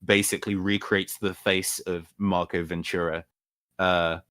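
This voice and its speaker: A man playing a tabletop role-playing game, relaxed as he describes what his character does, with some fillers. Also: low-pitched, a little slow, no echo. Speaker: player.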